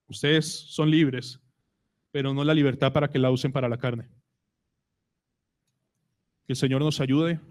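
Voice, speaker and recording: A man with a Colombian Spanish accent preaching a sermon in church, asking the congregation questions and retelling conversations. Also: medium pitch. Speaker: pastor.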